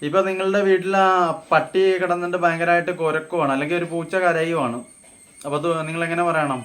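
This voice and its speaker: A man gives a relaxed phrase lesson. His voice sits a little high for a man. He says each example slowly and carefully, then explains it in a conversational way. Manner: slow, deliberate model phrases, then explained in Malayalam. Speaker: Hindi teacher. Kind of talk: casual spoken-Hindi lesson.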